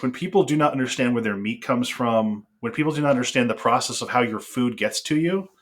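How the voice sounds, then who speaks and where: A man's voice: mid-range voice, a bit bright. A man in a casual podcast conversation, talking in an earnest, reflective way.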